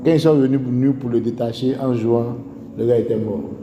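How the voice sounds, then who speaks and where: A man's voice: mid-range voice, steady tone, fairly quick, highs cut off, background noise. A man with an Ivorian French accent preaching a sermon, telling stories and asking rhetorical questions. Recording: echoey hall with faint music.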